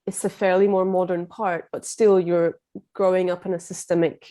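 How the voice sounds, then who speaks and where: Woman from Turkey, guest coach, reflective and earnest, warm mellow tone. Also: on the low side, level tone, moderate pace. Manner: reflective, earnest, many fillers. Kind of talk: casual conversation.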